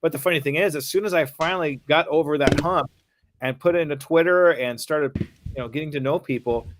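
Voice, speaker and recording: A man's voice: a little high, a little fast, slight background noise. A man being interviewed on a podcast, talking in an easygoing, friendly, conversational way. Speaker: podcast guest.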